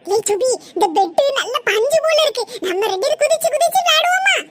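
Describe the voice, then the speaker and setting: A performer voicing bickering small village children in a cartoon, with a Tirunelveli-Kanyakumari Tamil accent and a shrill, teasing manner. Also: big pitch swings, quick pace, crowd noise. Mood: playful. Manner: shrill, squabbling, teasing banter. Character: bickering small village kids, boy and girls. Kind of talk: cartoon voice acting. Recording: noisy cartoon audio.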